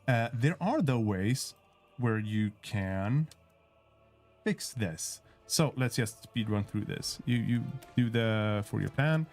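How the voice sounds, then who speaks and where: Slow and expressive, with a slightly mellow mid-range voice, a game developer casually guides viewers through a strategy game during a livestream. He speaks English as a second language and hesitates a lot, using fillers and restarting sentences, while soft music plays.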